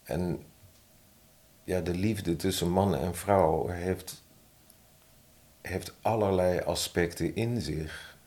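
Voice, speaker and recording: A man, a podcast guest who is a publisher and poet, talking thoughtfully and reading his own poem slowly. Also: deep voice. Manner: slow, thoughtful, reads his own poem softly and deliberately. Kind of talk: conversational interview with a slow poetry reading.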